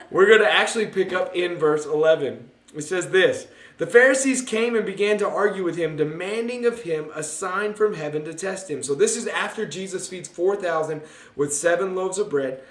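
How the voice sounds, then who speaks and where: A man's voice: sits high, normal speed, fairly bright tone. A man leading a casual Bible study, joking and chatting as he reads scripture aloud. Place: church room. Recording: echoey room from a distance.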